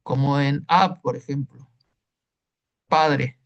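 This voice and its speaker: A man's voice: medium pitch, slow, lo-fi sound. A man teaching a Hebrew class online, explaining patiently and checking in with listeners as he goes.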